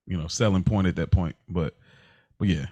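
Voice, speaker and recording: A podcast co-host with a deep, warm voice talks at normal speed in a casual podcast conversation, with no room sound. He rambles informally and uses slang while feeling out his point.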